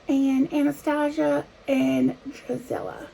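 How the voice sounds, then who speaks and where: A woman host with a creaky voice, chatting casually to her viewers. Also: sits high, steady tone, takes it slowly, warm tone, low-quality recording.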